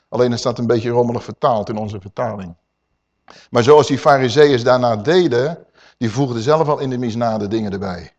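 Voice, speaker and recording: A man preaching a sermon, emphatic and swinging between loud and hushed, calling his listeners dear people. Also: medium pitch, highs cut off.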